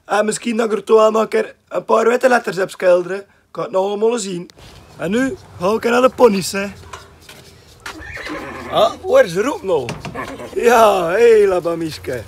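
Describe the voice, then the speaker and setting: A man's voice: sits high, moderate pace, long pauses, slight background noise. Chatty West Flemish young man vlogging. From West Flanders. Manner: chatty, with frequent filler tags. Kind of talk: casual vlog chat. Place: outdoors and at home.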